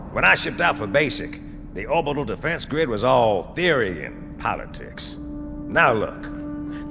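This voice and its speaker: A swaggering veteran marine sergeant in a science-fiction game. His mid-pitched voice is gravelly and lively, folksy and teasing, with music behind it.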